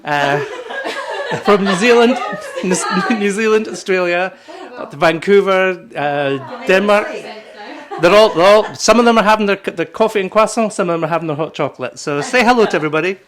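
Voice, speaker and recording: A woman's voice: mid-range voice, expressive, moderate pace, crowd noise. A woman, hosting a live tour in a casual, jokey way. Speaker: live virtual tour host.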